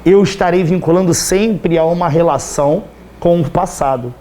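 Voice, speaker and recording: Chatty Brazilian teacher, slightly hoarse. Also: male voice, fairly high pitch, normal speed, mellow, a little hiss or hum. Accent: Brazilian Portuguese. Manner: chatty, teasing, constantly checks understanding. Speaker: Portuguese teacher. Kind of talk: live online class.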